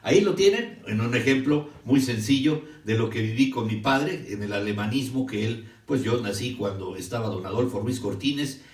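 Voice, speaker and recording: A man's voice: mid-range voice, moderate pace, few pauses. Older Mexican male host with a chatty, digressive delivery, recorded in a roomy space away from the mic. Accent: Mexican Spanish. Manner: chatty, digressive, emphatic storyteller. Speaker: host of a history and commentary show. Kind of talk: live-stream talk with viewer shout-outs. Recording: roomy echo, distant from the mic.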